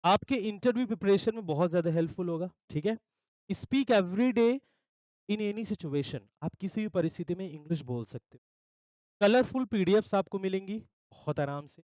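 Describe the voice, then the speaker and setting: A young man from India, an English teacher with an Indian accent, promoting his course batches in an energetic sales pitch, often checking in with listeners. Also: normal speed, no echo, low-quality recording. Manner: mixes Hindi with English phrases. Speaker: English teacher for exam aspirants.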